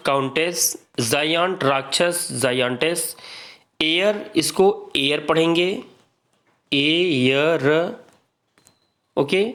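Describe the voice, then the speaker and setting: In this exam-prep grammar lesson, an Indian-accented man with a slightly high, somewhat bright voice reads out pairs of words and makes the students repeat after him.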